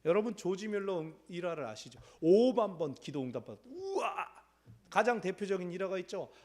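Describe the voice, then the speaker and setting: A man's voice: high voice, lively intonation, quick pace, a little mellow. A man preaching a sermon as pastor in a church, acting out little quoted voices as he goes. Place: church sanctuary.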